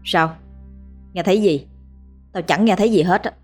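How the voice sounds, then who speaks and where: A woman's voice: lowish voice, normal speed, soft background music, close to an everyday voice. A woman voicing a harsh, abusive, often drunk husband who scolds coarsely. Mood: irritated.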